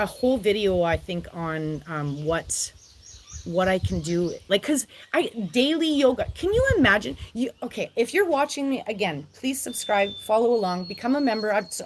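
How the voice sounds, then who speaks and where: A woman's voice: a little high, noisy background. A woman who works as a social worker, hosting a live stream with effusive, rambling talk and frequent laughter, recorded on an outdoor deck. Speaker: spiritual vlogger and social worker.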